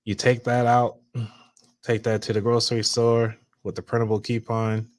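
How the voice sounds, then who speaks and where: A man's voice: medium pitch, little pitch movement, moderate pace, darkish tone. A man hosting a casual podcast chat, joking around while giving practical money tips. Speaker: podcast host.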